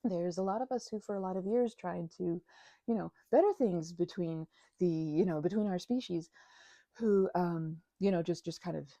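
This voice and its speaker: In an audio roleplay, a woman voices a timid, gentle female vampire who is shy, friendly, nervous, and grateful, her lowish voice soft and breathy and occasionally falling to a whisper. She speaks at normal speed with no echo and light acting, stammering, hesitating, apologizing, and breaking into nervous giggles in an intimate one-sided exchange.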